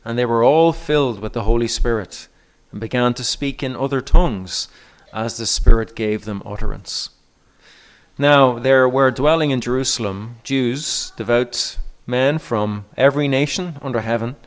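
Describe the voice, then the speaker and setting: A man as pastor, reading scripture and preaching with measured emphasis at a church service. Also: medium pitch, clean tone.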